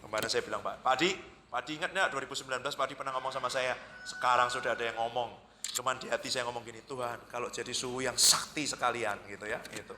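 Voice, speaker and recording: A man's voice: medium pitch, very fast, long reverb tail, a little hiss or hum. A male pastor with a Central Javanese Indonesian accent, preaching in a chatty storytelling style and acting out quoted voices. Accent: Indonesian, Central Java. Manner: chatty, anecdotal, acts out quoted voices with lively jumps. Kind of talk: conversational sermon storytelling. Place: church worship hall.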